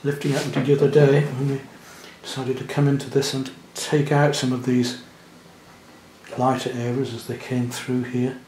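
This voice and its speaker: Gentle man teaching watercolour. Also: medium pitch, level tone, moderate pace, echoey room, a little hiss or hum. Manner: gentle, chatty, thinking aloud while painting. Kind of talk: painting demonstration narration. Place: indoor studio at the easel.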